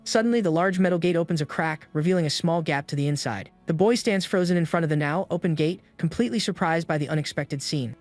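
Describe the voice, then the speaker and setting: A man giving a steady, scripted third-person narration of a comic story recap. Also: on the high side, fast, few pauses, faint music behind.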